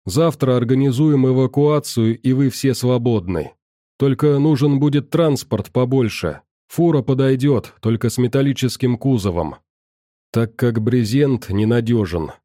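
A man's voice: mid-range voice, unhurried, mellow, dry recording, studio quality, close to an everyday voice. A man voicing an agitated middle-aged male scientist who argues defensively and insists he meant well. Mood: matter-of-fact.

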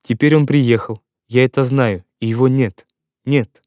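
A man's voice: medium pitch, steady tone, measured pace, a little mellow, no room sound, studio quality, close to an everyday voice. A man reading a tearful young woman. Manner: pleading, tearful.

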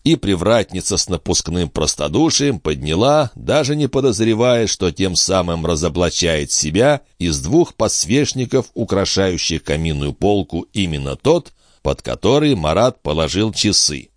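A man reading an audiobook aloud, giving the narration a lively, expressive delivery. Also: low voice, normal speed, dry recording, studio quality. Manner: expressive reading, acts out characters.

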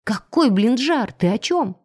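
A woman reading an audiobook, voicing a defiant, quick-tempered young woman who protests loudly. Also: a little high, lively intonation, pitched above the performer's own voice. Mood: bewildered. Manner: indignant, exclamatory.

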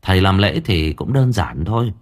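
A man narrating a story in a colloquial, wry and lively way. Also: deep voice, normal speed. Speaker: audiobook narrator.

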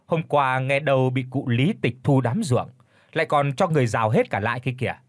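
A fretful young peasant wife hurries her words along, as a male narrator puts her on. The voice is husky and dry and bounces with lively pitch. It is an everyday storybook voice rather than a full character turn. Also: a little fast, no room sound, lightly acted. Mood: worried. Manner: urgent, fretful. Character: anxious peasant wife, young adult woman.

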